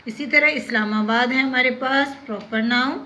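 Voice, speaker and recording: A woman teacher reads a textbook lesson aloud to pupils, pronouncing English words slowly and deliberately. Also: high-pitched, bright, forceful tone. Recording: slightly dull lo-fi sound with faint ambience.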